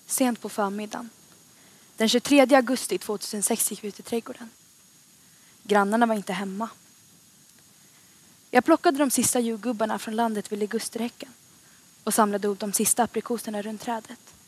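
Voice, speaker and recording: A woman reading a book aloud in a calm, matter-of-fact way, after checking her microphone. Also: a little high, pauses often, breathy edge. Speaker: volunteer audiobook reader.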